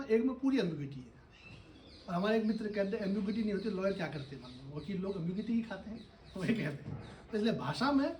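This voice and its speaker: This man is a university professor giving a lecture, relying on everyday examples and regularly checking whether his listeners follow. He has a high, slightly mellow voice. The audio, recorded at a distance in an echoey lecture hall, carries a little hiss or hum.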